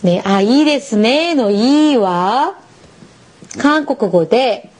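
Woman, language teacher, high lively voice, patient, encouraging, slow clear model pronunciation. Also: slight background noise. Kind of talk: beginner language lesson for learners.

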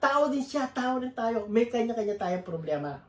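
Preaching in church, a woman with a fairly high, expressive voice speaks at normal speed as she shares a humorous story with her congregation. Her sermon has a chatty, storytelling feel, and the room echoes noticeably.

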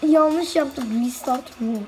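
A woman giving casual let's-play commentary, excitably chanting quick repeated commands at the game. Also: high-pitched, faint music behind. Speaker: gameplay video host.

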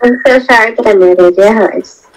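Teasing woman gamer, slightly high. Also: brisk, noisy background. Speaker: gaming co-host. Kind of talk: casual gaming chat.

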